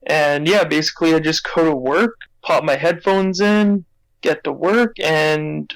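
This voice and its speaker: A man's voice: fairly high pitch, measured pace, vocal fry, no echo, low-quality recording. A young Canadian man leaving a friendly, rambling voicemail for a podcast as a listener. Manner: friendly and enthusiastic, rambling with fillers. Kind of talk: recorded voicemail message.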